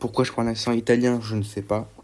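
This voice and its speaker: A man's voice: medium pitch, flat delivery, fast talker, darkish tone. A man commentating a horror game as he plays, rambling, stammering and swearing when startled. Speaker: gaming YouTuber. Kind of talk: let's play commentary.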